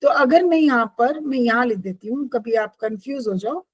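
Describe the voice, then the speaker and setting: A woman's voice: on the high side, normal speed, a little mellow, slightly rough, dry recording, rough recording. A woman teacher explaining poetry devices to a class, patiently checking in with her students.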